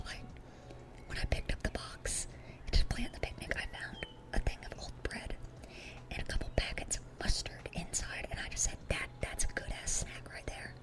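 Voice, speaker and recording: In a whispered ASMR roleplay, a woman takes on the role of a dorky, affectionate young demon girl who rambles and repeats herself with eagerness. Her voice stays close to how she normally talks.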